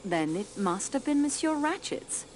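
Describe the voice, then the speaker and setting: A composed French investigator with a French accent, formal and dryly polite. Her pitch moves freely from question to question while she keeps her calm. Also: measured pace, slight background noise. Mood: cool. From France. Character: polite young French woman investigator, cool and dry. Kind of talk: video game voice acting.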